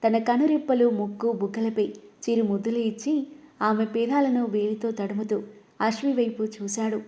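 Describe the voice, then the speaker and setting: A woman storyteller reads a romantic family drama aloud in a smooth, measured way. Her voice sits fairly high, with a dark, mellow tone. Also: lo-fi sound. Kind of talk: scripted story narration.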